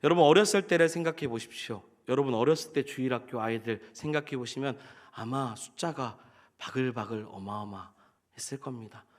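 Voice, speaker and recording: A man's voice: medium pitch, fairly quick. A male pastor preaching a sermon, often asking the congregation questions and acting out what people might have said. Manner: asks the congregation questions, acts out quoted speech.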